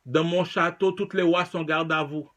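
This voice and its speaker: A man voicing a boastful male king, lowering his voice and slowing down. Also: steady tone, fairly bright tone, lightly acted.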